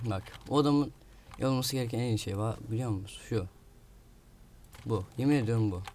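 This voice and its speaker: Some slight hiss or hum accompanies a man with a lowish, dark-toned voice as he plays a video game for his channel. He offers casual live commentary, grumbling about an opponent and muttering to himself, while keyboard clicks and typing are heard.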